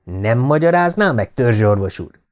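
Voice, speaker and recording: A man reading an audiobook voices a blunt, defiant sergeant of the legion in a raised, forceful voice. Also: mid-range voice, sing-song, close to an everyday voice. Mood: challenging. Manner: blunt, grim and confrontational.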